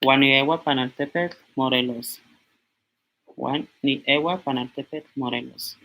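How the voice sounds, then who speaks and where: A young man in his twenties, from Mexico, giving an informal language lesson and slowly repeating words as he writes them out. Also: mid-range voice, fairly even intonation, pushed and bright. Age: 20s. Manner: slow, repeats words aloud while writing on a board. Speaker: language teacher.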